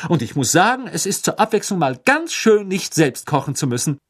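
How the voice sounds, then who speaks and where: A fussing, motherly middle-aged woman, voiced by a male narrator. The voice sits far above his natural register, with animated swings in pitch and lively, indignant energy. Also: brisk. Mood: cheerful.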